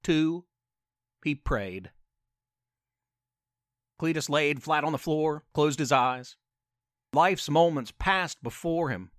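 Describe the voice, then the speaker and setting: A male storyteller narrates a podcast tale full of playful asides, his high-leaning, fairly bright voice rising and falling with great life. He takes it slowly and pauses often. The recording is close and dry, with no room sound or echo.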